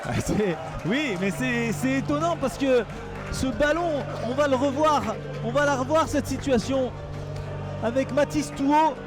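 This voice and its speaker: A man giving excited sports commentary as a football match commentator. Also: extremely high pitch, a little slow. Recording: music and outdoor noise behind voice. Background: music.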